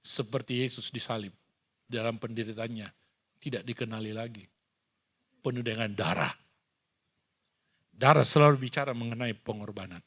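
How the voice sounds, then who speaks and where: A male pastor preaching a sermon, retelling scripture with animated acted-out dialogue. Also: mid-range voice, normal speed, pauses often. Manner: animated storytelling, acts out dialogue. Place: church hall.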